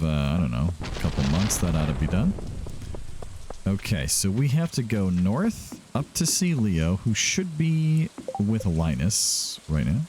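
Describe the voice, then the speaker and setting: In a lowish voice with background noise, a man hosts casual gaming commentary in let's-play style. He keeps up a running chat with himself and with the game's characters.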